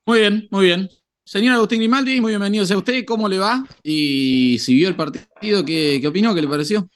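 A man's voice: sits high, moderate pace. A man hosting a casual sports podcast and addressing his co-hosts with mock formality. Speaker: podcast host. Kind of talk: casual podcast chat, quiz master.

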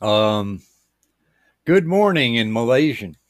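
A man's voice: mid-range voice, sing-song, slow, dry recording, clean studio sound. A man playing a plainspoken old farmer co-hosting a comedy show, blunt and folksy. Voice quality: blunt folksy rural talk. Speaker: co-host. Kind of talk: comedic character banter.

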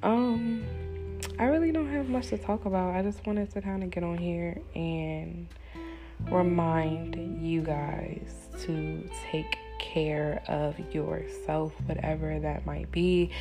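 Plucked guitar is clearly audible under this woman's casual solo podcast. She speaks deep, slow and hushed, holding back so a baby won't wake, and sounds relaxed and frank, with filler words, some swearing, and an even tone that barely rises or falls.

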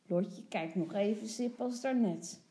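A woman teacher reading a children's picture book aloud, softly and sometimes in a hush. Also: medium pitch, a little slow. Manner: soft, hushed at times.

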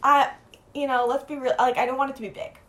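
A young woman co-hosts a podcast in a loose, rambling way. Her voice sits a little high, and she keeps filling her sentences with casual words as she recaps a show. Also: flat delivery, fast talker, a bit bright. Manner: rambling, chatty, heavy with filler words. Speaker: podcast co-host.

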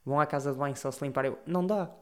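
A man's voice: a little high, rapid-fire, clear, resonant tone. A young man with a European Portuguese accent, hosting a casual solo podcast and ranting with exasperation and frequent swearing. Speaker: podcast host.

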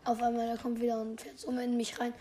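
A hoarse teenage girl with a high, cracking voice that sits on the mellow side. She chats through a game in loud, slangy bursts and sometimes drops to a whisper. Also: monotone, fast, a little hiss or hum. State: strained, cracking voice. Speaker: gaming podcast host. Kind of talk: casual gameplay commentary.

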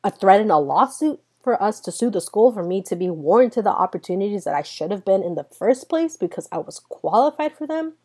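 A woman in her twenties, native in Spanish, hosts a solo podcast and earnestly shares personal stories, speaking right to her listeners. Her medium-pitched voice is husky and darkish, with a sing-song lilt, a slightly fast pace, and hardly any pauses.

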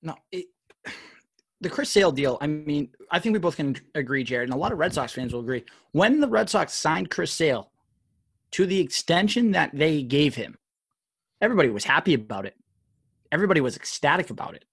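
A man's voice: fairly high pitch, sing-song, brisk, gravelly, a bit bright, breathy edge. A man in his late thirties co-hosting a podcast, talking emphatically in casual chat. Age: 30s. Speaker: podcast co-host.

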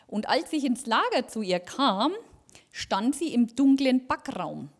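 A woman giving a lively personal testimony at a church service, acting out the dialogue as she tells it. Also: on the high side, unhurried. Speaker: lay speaker giving a testimony.

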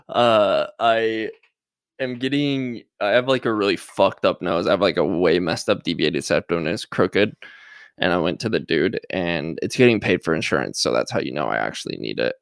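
A man's voice: on the low side, gravelly, no room sound, clean studio sound. A young man talking casually in a sarcastic, rambling vlog monologue full of fillers. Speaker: social media creator.

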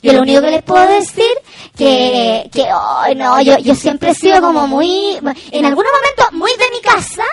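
Woman putting on a shrill, brash Chilean cousin. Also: expressive, normal speed, faint music behind. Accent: Chilean Spanish. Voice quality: shrill, loud, laughing, crude slang. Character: brash unfiltered young woman cousin, retail worker. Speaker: comedy stream host reading chat. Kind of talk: improvised comedy character.

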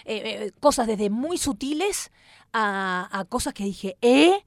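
A woman with a Rioplatense Spanish accent, a comedian telling stories in a casual chat, animated with many fillers. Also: mid-range voice, slow pace, dry recording, studio quality. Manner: animated storytelling with many fillers and acted quotes. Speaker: comedian guest. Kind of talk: casual conversation.

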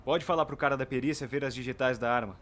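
A man's voice: mid-range voice, quick pace, a bit bright, a little hiss or hum, lightly acted. A man playing a brash, smug detective, blunt and slangy, in acted crime comedy-drama dialogue. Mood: smug, dismissive. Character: cocky, teasing male police detective, brash, dismissive.

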